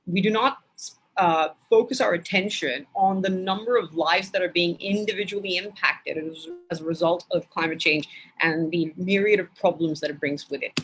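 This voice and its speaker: A woman from Bangladesh giving an academic lecture in a measured way, with frequent hesitation fillers. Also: on the low side, fairly bright tone, a little hiss or hum, rough recording.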